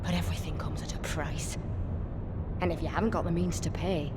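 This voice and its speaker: A woman's voice: on the low side, steady tone, in a large hall, very noisy, natural voice. A woman playing a bitter, unrepentant soldier in a video game, delivering a grim and defiant villain monologue. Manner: grim, defiant, deliberate rhetoric. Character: bitter, unrepentant female soldier turned imperial collaborator.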